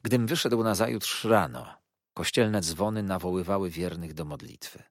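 A man narrating a literary audiobook in a dramatic, expressive reading. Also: low-pitched, moderate pace, dry recording, studio quality.

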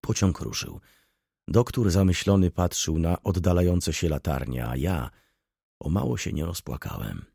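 A man narrating a classic novel as an audiobook in a measured, expressive reading. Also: deep voice, vocal fry, breathy edge, no room sound, studio quality.

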